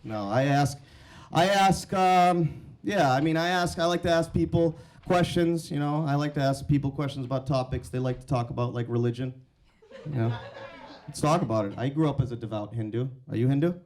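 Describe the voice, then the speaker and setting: A man's voice: medium pitch, darkish tone. A young man from India doing stand-up comedy and teasing the crowd on a club stage with a handheld mic. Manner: brash, teasing, quick crowd banter. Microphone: handheld microphone.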